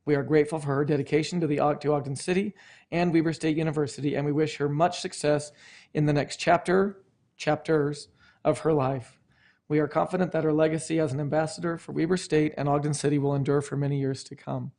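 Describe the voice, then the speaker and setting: A man's voice: a little high, steady tone, fairly quick, darkish tone. A male city council member formally reading out a proclamation at a meeting, now and then stumbling and correcting himself.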